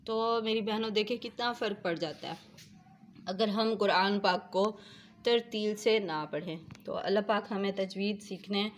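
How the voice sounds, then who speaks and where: A woman's voice: mid-range voice, slight background noise. Woman teaching tajweed to her students. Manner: measured explaining, slow chanted recitation of quotes; throat clearing, hesitant fillers. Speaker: Quran recitation teacher. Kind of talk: religious lesson to female students.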